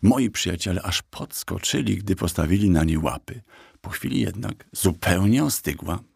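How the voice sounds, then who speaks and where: A man narrates a children's audiobook in a calm, even storyteller's manner. His voice sits low, with a husky, gravelly texture. The recording is close and dry from a studio mic. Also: normal speed, dry recording.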